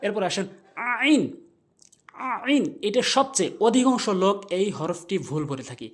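A man's voice: sits high, very animated. Man drilling Arabic letter sounds. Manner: slow and repetitive, demonstrating each letter sound several times. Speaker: Quran recitation teacher. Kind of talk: step-by-step pronunciation lesson.

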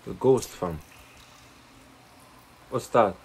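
Excitable slangy man narrating gameplay. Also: lowish voice, drawn-out words, gravelly, breathy edge, low-quality recording. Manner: excitable, swearing, slangy, thinks aloud. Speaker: gamer playing a horror game. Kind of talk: casual gameplay commentary.

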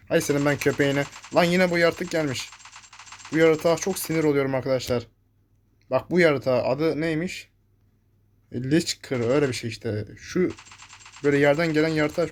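A young gameplay streamer with a mid-range, somewhat dark voice gives live commentary, chatting with his viewers and swearing at the enemies chasing him.

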